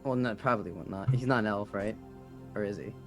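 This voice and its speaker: A man's voice: on the low side, a little fast, over music. A young man chatting casually on a stream, laughing easily and explaining things with hesitant fillers. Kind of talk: casual chat on a live stream.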